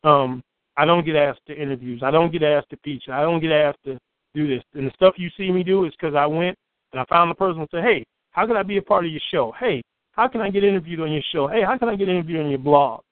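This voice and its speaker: A booming, outspoken man from Chicago, a guest poet and storyteller, tells stories animatedly in an interview at a quick pace, repeating words when excited. The line is tinny and phone-like, dry, with no room sound.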